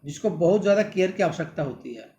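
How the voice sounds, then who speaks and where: High-voiced man teaching vocabulary. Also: animated, fast, dark tone. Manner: repeats words often and calls the students "my dear". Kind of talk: exam-prep vocabulary lesson.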